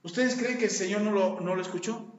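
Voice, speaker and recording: A man preaching a sermon in an earnest way, swinging between soft and loud, calling his listeners brother. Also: sits high, brisk. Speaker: pastor. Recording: echoey hall, dull lo-fi sound.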